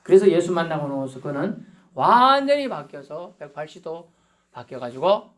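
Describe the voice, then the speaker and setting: A man's voice: on the high side, sing-song, normal speed. A male pastor preaching a sermon in a church, acting out little scenes and laughing as he goes. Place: church sanctuary.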